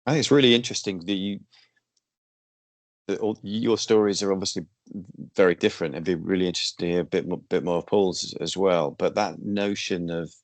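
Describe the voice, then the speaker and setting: Male host, very low voice, dry close sound, measured and reflective. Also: no echo. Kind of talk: reflective podcast commentary.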